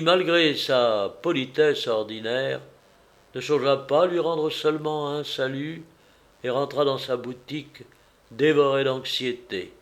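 A man narrating a novel aloud in a measured, even reading voice. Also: mid-range voice. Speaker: audiobook reader.

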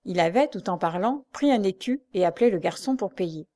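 A woman reading a classic novel aloud as narrator, steady and measured. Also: mid-range voice.

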